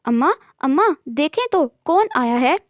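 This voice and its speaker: A woman's voice: high-pitched, expressive, moderate pace, dry recording, clean studio sound. A woman narrator voicing Saira, a cheerful, teasing young woman.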